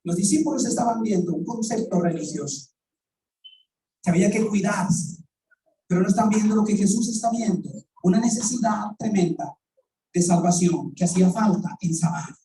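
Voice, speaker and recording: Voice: medium pitch, normal speed, dark tone, recorded from a distance, slight background noise. A pastor with a Colombian accent preaching a sermon, telling a story and acting out its dialogue, then asking the congregation rhetorical questions. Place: church hall. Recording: echoey room, voice from off the mic.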